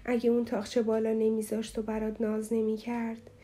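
A woman's voice: on the high side, completely flat delivery, warm tone, natural voice. A woman voicing a grieving middle-aged mother in an audiobook, with a muffled, choked voice and a pleading, sorrowful manner.

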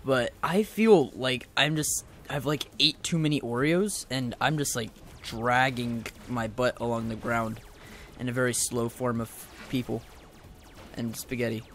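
A young man giving casual, rambling let's-play commentary, excitable and full of goofy asides. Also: mid-range voice, a little slow, slight background noise. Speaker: gaming video host.

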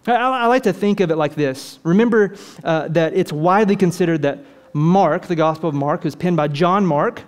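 A man preaching a sermon in a lively, conversational way, full of rhetorical questions to the congregation. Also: on the high side. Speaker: pastor.

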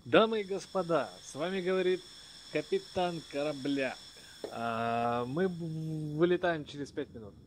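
A man's voice: fairly high pitch, a little slow, rough recording. A man role-playing an airline captain, addressing passengers in the formal announcing manner of cabin crew. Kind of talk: role-played flight announcements in an online game. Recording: faint background noise.

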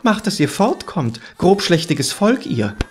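A man voicing a flustered, indignant male chess bishop who is a lute-playing bard, pleading in a high plaintive voice. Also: sing-song, measured pace, background noise. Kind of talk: audiobook character voice. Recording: music playing underneath.

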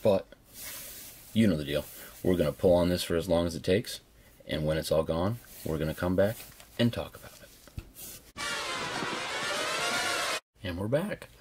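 A man's voice: sits low, a little slow, pauses often, background noise. A man giving a casual hands-on product review in an informal, chatty, exclamatory way.

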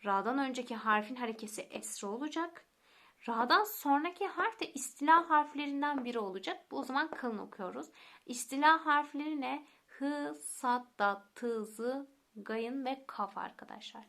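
Patient woman teacher, fairly high voice. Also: lively intonation, fairly bright tone. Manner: patient, repeats rules step by step, addresses listeners as friends; slows down to recite example words. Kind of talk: recorded tajweed lesson.

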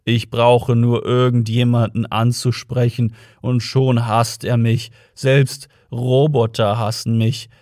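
A gloomy, deeply depressed robot , as a man reads him, drones along in a slow, dull monotone, the voice held low and flat. It is heard in a storybook recording with a dry, close sound. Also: no room sound, lightly acted.

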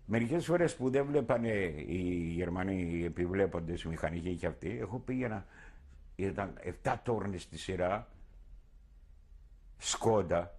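A man's voice: on the low side, darkish tone, slightly rough. An older man in an oral history interview, recounting his past vividly and acting out his own words.

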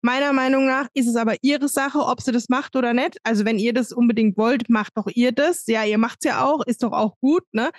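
A woman's voice: on the high side, steady tone, a little fast, hardly any pauses, no room sound. A woman in her thirties co-hosting a podcast, talking frankly and emphatically in casual chat from a home room on a studio mic. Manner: frank, emphatic, plain-spoken. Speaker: podcast co-host. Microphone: studio mic on arm, video call.

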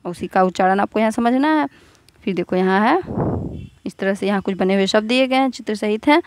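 A woman teacher giving a recorded lesson to young children. She asks questions, answers them herself and repeats each word slowly. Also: medium pitch, no echo. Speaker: school teacher.

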